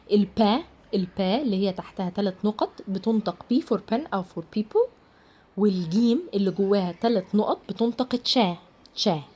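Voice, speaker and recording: A woman with an Egyptian Arabic accent gives a pronunciation lesson. Her voice is mellow and dark, at a middle pitch. She slowly repeats each sound and example word. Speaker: Persian language teacher.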